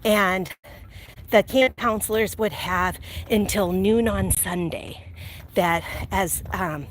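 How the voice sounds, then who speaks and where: A woman's voice: medium pitch, takes it slowly. A middle-aged American woman tells personal stories in a casual, chatty, rambling way while walking. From Illinois, United States. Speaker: vlog host telling personal stories. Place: outdoors while walking, near traffic. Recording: steady ambient and vehicle noise.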